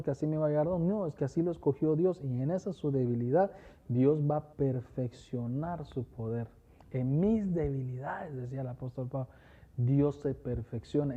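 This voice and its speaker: A man's voice: fairly high pitch, mellow, husky, lo-fi sound. A man preaching a sermon as pastor, often calling listeners "hermano" and restarting his phrases. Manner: repeatedly addresses listeners as "hermano", with fillers and restarts.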